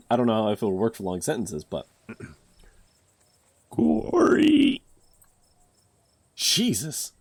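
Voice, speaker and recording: Low-voiced guy doing let's play commentary, sarcastic and wry, a bit husky. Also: moderate pace, dark tone, no echo. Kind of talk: game commentary.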